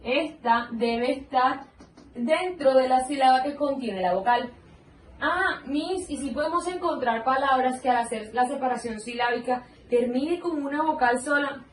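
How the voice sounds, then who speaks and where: Slow, high-voiced woman teacher in echoey room. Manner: patient, spells words out slowly syllable by syllable. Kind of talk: slow explanatory lesson. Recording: roomy echo, mic at a distance, faint background noise.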